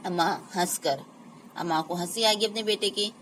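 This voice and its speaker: A woman teacher talks a class through a textbook play, slipping into the characters' lines and then explaining them plainly. Her voice sits at an ordinary middle pitch. A faint noise hums in the background. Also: normal speed, fairly bright tone, low-quality recording.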